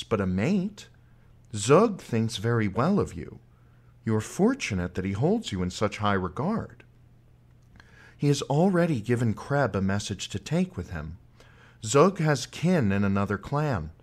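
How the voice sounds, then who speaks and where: A man voicing an old mother and medicine woman who comforts her daughter calmly and steadily. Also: fairly low pitch, measured pace, breathy edge, full character voice. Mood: soothing.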